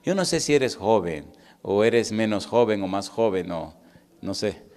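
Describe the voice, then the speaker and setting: Middle-aged male pastor, sermon delivery, swings loud to hushed. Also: fairly low pitch, a little slow. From Caribbean. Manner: storytelling, swings from loud and animated to hushed and intimate; asks the congregation questions.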